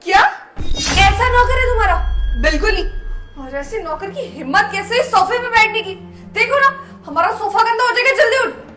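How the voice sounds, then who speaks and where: Music plays behind a woman acting in a short, melodramatic skit as a snobbish young woman who berates poor people. Her voice is animated and her speed normal, and her scorn comes out as contemptuous scolding and shrill outbursts.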